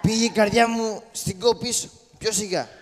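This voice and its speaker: A man's voice: high voice, steady tone, natural voice. A man voicing a scrappy, poor comic father in a live shadow-puppet show, bossy and teasing as he scolds his children. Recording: echoey hall, live show.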